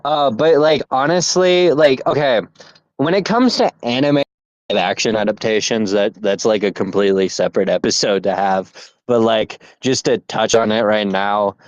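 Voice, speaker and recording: A young podcast co-host rambles through a casual chat, laughing, restarting and cutting himself off. His voice sits on the low side, and the recording is dry but captured on a dull lo-fi mic.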